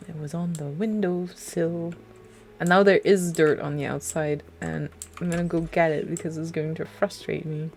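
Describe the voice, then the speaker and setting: A woman's voice: sits low, steady tone, moderate pace, gravelly, a little mellow. A young adult woman streaming a game, chatting in a rambling, self-mocking way and laughing often. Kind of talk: casual gameplay commentary.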